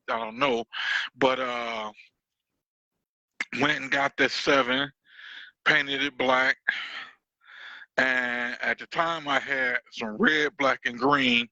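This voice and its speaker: Bright-voiced man telling his story. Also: mid-range voice, no room sound, lo-fi sound. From Detroit. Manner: laid-back storytelling with fillers. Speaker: guest. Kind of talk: casual conversation. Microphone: own mic on a call.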